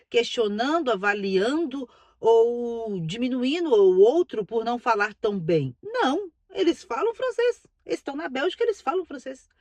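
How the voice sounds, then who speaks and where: A middle-aged Brazilian woman vlogging in a relaxed, talkative way, leaning on repetition to drive her points home. Her voice sits a little high, and the sound is dry and close, with no room echo. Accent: Brazilian Portuguese. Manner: chatty, emphatic, repeats herself for stress. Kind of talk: casual talk to camera.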